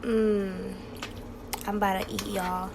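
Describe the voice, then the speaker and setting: A woman's voice: fairly high pitch, takes it slowly. A woman chatting casually and informally to her viewers as a home cooking vlogger, unscripted, in a kitchen. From Haiti or Haitian family. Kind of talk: casual vlog chat to viewers while cooking. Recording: clearly noisy home recording.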